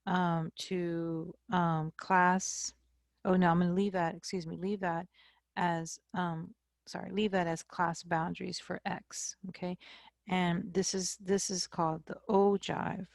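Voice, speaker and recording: Slow, lower-voiced woman teaching math. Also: level tone, vocal fry, no echo, studio quality. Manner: slow, explanatory, frequent "okay?" checks. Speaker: math instructor. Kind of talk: recorded lecture.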